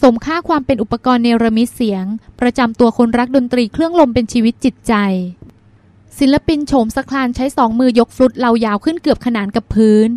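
Woman reading an audiobook, high voice, close dry sound, steady pace. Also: a little fast, dry recording. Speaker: audiobook narrator. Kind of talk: scripted novel narration.

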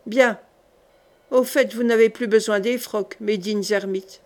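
A woman's voice: on the high side, fairly even intonation, a little slow, lightly acted. A woman voicing a curt, commanding male captain in an audiobook. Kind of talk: audiobook character voice.

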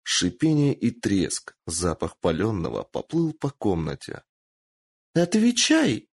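A man narrating a dark fantasy audiobook in an expressive storytelling manner. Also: deep voice, unhurried, gravelly, breathy edge. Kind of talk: dramatic fiction narration.

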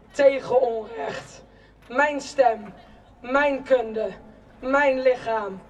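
A young woman giving a protest speech in a slow, declamatory spoken-word style, with shouted chants between lines. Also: on the high side, a little hiss or hum. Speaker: rally speaker. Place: outdoor city square at a demonstration. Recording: distant outdoor rally recording.

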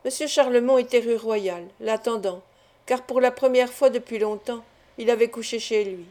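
A woman reading a classic novel aloud in a measured, expressive audiobook narration. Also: a little high. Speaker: audiobook reader.

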